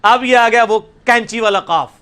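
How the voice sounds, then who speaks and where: A man teaching a recitation class over a video call, repeating each sound slowly and loudly for his students. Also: very high-pitched, smooth.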